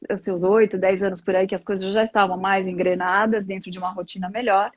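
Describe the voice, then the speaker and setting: This middle-aged Brazilian yoga practitioner talks fast in a medium-pitched, level voice with no echo. As a live interview guest she speaks conversationally, reflecting and giving examples, and the live stream audio is dull and lo-fi.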